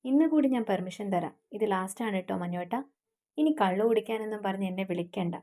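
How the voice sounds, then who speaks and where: A woman's voice: medium pitch, quick pace, warm tone, natural voice. A woman voicing a teasing, stubborn young woman who scolds her fiancé.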